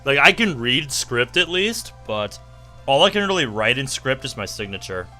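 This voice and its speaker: Brief: easygoing young co-host, bright tense voice, chatty. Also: male voice, medium pitch, very animated, soft background music. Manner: easygoing, quick to laugh. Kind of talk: casual chat while playing.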